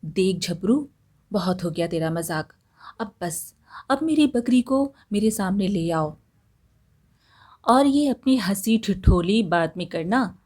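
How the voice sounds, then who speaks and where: A woman's voice: mid-range voice, animated, takes it slowly, a little mellow. A woman voicing an old village woman who pleads and scolds over her lost goat, in a storybook reading. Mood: angry. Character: old village woman, fretful and easily angered.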